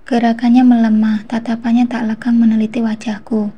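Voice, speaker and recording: A woman reads a romance novel aloud in the first person, softly and evenly. Her voice is dark and breathy, and it sits somewhat high. The pitch hardly moves. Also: monotone, fairly quick. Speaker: novel narrator. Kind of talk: first-person story narration.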